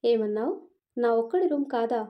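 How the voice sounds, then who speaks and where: A woman's voice: on the high side, animated, normal speed, close to an everyday voice. A woman voicing an angry young husband in a storybook reading, curt and irritable. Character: young husband, stern and short-tempered. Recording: dull lo-fi recording.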